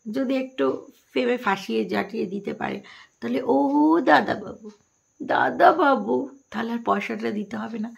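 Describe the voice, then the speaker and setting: A Bengali woman vlogger delivers mocking, sarcastic gossip commentary, addressing her viewers directly. Her voice sits fairly high for a woman, with a husky, gravelly fry running through it. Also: steady tone, brisk.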